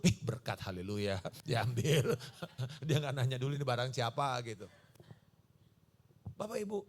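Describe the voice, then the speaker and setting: A male pastor preaching a sermon, telling stories and acting out the dialogue in them. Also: high voice. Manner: animated storytelling, acting out dialogue. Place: church service.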